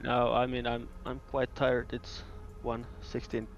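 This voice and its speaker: A male student with a Finnish accent, native in Finnish, talks casually and repeats words as he goes. His voice has a lot of fry and comes over a slightly muffled voice call with some background noise. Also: mid-range voice, completely flat delivery, a little slow. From Finland. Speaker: student in a coaching session. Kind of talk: casual chat. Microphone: remote voice call.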